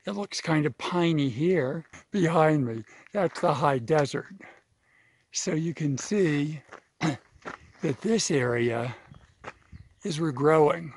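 A man with a fairly high, lively voice narrates his hike along a mountain trail, speaking slowly and pausing often. He's a vlogger, out of breath and thinking aloud as he walks, with slight background noise.

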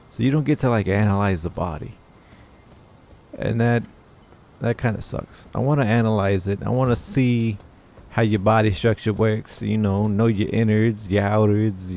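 Gravelly young man cursing at a game. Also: fairly low pitch, slight background noise. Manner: profane, excitable, talks back to enemies. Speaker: gaming YouTuber. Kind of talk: casual let's play commentary. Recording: game music behind voice.

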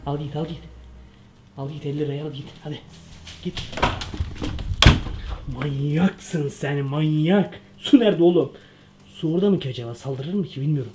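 A young man in a comedic parody vlog, talking in an excitable, slangy way with jumpy asides. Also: fairly high pitch, moderate pace, long pauses, background noise. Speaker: comedy vlogger.

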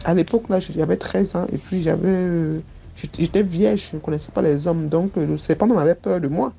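Gravelly, mellow-voiced woman telling her story. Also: fairly low pitch, brisk, highs cut off, slight background noise. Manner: earnest, recounting events step by step. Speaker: guest giving a testimony. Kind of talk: personal testimony storytelling.

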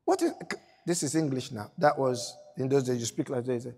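A man's voice: mid-range voice, moderate pace, darkish tone, husky, long reverb tail. A man pastor delivering an emphatic sermon in a church, repeating phrases for effect.

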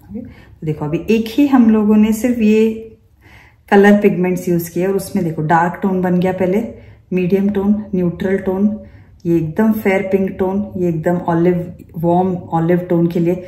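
Her voice is on the low side, dark and fairly even, at a moderate pace. Recorded in an echoey room, this makeup teacher leads a class demonstration, explaining the steps and often addressing rhetorical questions to students.

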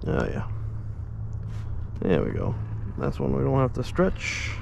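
Gravelly-voiced man narrating from a kayak. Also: mid-range voice, takes it slowly. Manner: talks softly to the fish while handling them. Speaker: kayak angler filming his own fishing trip. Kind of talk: casual self-narrated fishing vlog. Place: out on open water in a kayak. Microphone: action camera mounted on the kayak. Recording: steady wind and water noise behind.

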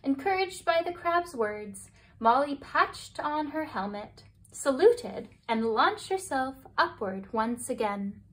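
A woman reading a children's picture book aloud as a bedtime story, slow and expressive, her voice a bit distant from the mic. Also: high-pitched. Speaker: storybook reader.

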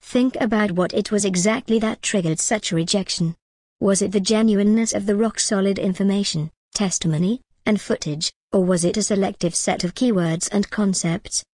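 A woman speaks straight to her viewers in a scripted monologue, earnest and persuasive but slipping in wry little jokes. Her pitch sits in an ordinary middle range, and the recording is dry and close, with no room sound around her. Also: a little mellow, dry recording. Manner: wry, jokey asides amid earnest persuasion. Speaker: video creator.

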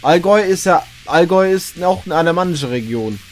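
A man's voice: on the high side, animated, a little fast, faint music behind. A man from the West Palatinate, chatting casually on a live stream and repeating words while he searches for them. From West Palatinate, Germany. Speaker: streamer host.

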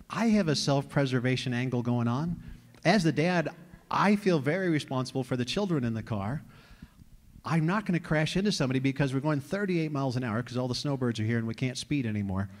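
A man's voice: medium pitch, animated, a little fast. A man in his forties from New York, preaching a sermon as lead pastor and telling wry, conversational stories. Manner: joking, conversational storytelling. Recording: long reverb of a large hall.

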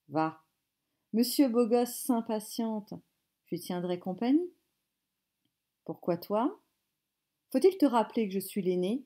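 A woman performs a comic stage play with a theatrical, unhurried delivery. Her voice is mellow and soft-edged, and she drops into hushed asides now and then. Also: medium pitch.

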